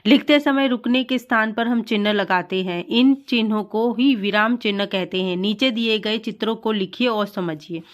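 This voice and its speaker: A woman teacher giving an online grammar lesson, reading example sentences slowly and explaining them step by step, with English grammar terms mixed in and quick apologies when she corrects herself. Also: medium pitch, muffled recording.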